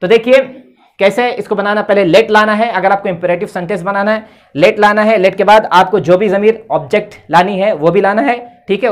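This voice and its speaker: Male English teacher, tinged delivery, patient board lesson, repeats his check-ins. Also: sits high. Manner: repeats "theek hai" often, explains patiently.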